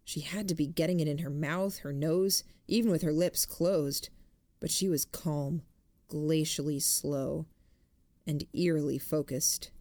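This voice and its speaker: A woman narrating first-person fiction for an audiobook in a measured, even way. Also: deep voice, no echo.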